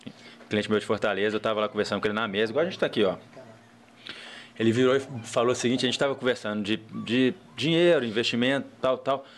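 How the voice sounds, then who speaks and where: A man's voice: medium pitch, quick pace. A man who is a guest entrepreneur, chatting casually on a podcast and telling stories with lots of fillers. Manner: animated storytelling, frequent "cara" fillers.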